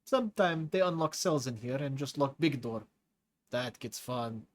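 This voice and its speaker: Voiced by a male narrator at normal speed, this storybook creature is a cocky, massive prisoner with claws who growls broken English in a thick accent. His audiobook delivery sounds natural with lively intonation, his pitch swinging broadly when he's riled as he boasts with relish.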